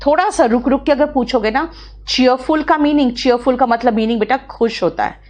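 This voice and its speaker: A fairly high-voiced woman with an Indian accent teaches an English class in Hindi. She speaks patiently and reads example sentences slowly and deliberately. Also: a little mellow. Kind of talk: live online class, answering student questions.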